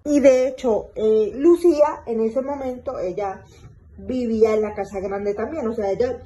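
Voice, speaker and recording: A woman's voice: fairly high pitch, moderate pace, mellow, rough recording. A young woman vlogging in character as a pregnant vampire mom, retelling events chattily with lots of fillers and repeats. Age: young adult. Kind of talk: in-character vlog storytelling.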